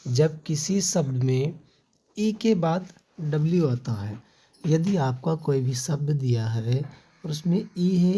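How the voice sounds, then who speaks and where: A woman's voice: sits low, warm tone, slightly rough. A woman teaching English pronunciation, spelling letters one by one and then saying each word. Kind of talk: slow spelled-out phonics lesson.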